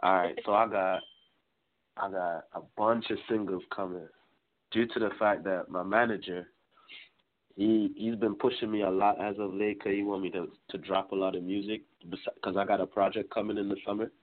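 Deep-voiced young man on a tinny line. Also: moderate pace. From Trinidad and Tobago. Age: 20s. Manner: relaxed, rambling, slangy. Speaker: musician guest. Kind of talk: casual interview.

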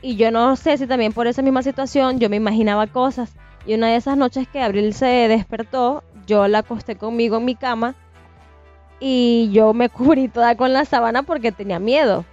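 A woman in her thirties, co-hosting a casual podcast chat, telling a personal ghost story with animated, acted-out detail. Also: fairly high pitch, moderate pace. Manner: animated storyteller, swears it's true, acts out scenes. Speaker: podcast co-host. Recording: dull lo-fi sound with faint music.

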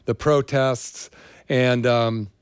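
A Californian man, older and American, hosts a show in a rambling, conversational monologue, wandering off into personal stories. His smooth, clear voice sits at a middling pitch with a steady tone and drawn-out words. The recording is dry, with almost no room sound and no echo.

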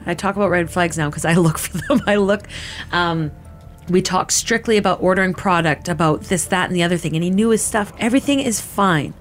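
A woman's voice: fairly low pitch, a little fast, soft background music. A Canadian woman in her thirties giving personal testimony in a casual, filler-heavy way, often quoting herself. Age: 30s. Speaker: interviewee.

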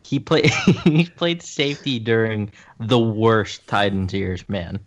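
A man with a fairly low voice chats on a podcast. He states his opinions bluntly and with emphasis. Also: takes it slowly. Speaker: podcast co-host. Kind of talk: casual chat.

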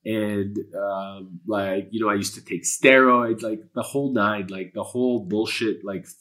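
A low-voiced, earnest man from Canada, whose first language is Polish, talks candidly as a guest in a personal interview. He speaks a little slowly with a steady, fairly bright tone, rambling in an earnest, spiritual way full of fillers and curse words.

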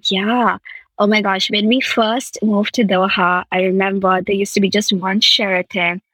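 In a reflective interview, this podcast guest, born in India and raised in Qatar, recalls her past with earnest enthusiasm and long, flowing sentences. Her medium-pitched, slightly bright voice moves little in pitch at a moderate pace, and the dry recording sounds rough.

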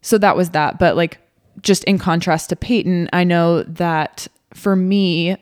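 A woman's voice: lowish voice, fairly even intonation, a little slow, no echo, clean studio sound. A young woman co-hosting a podcast, telling a story in a chatty, rambling way. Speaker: podcast co-host. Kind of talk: casual chat.

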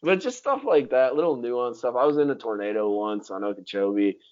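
A man's voice: medium pitch, little pitch movement, fairly quick, a little mellow. A man telling stories in casual chat, with slangy talk full of dude, like and freaking. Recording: dull lo-fi sound.

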